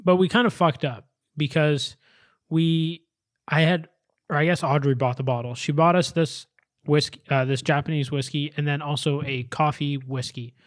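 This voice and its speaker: A man's voice: a little high, moderate pace, dry recording, clean studio sound. A young man co-hosting a casual podcast, easygoing and profane, often agreeing with his friend. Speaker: podcast co-host.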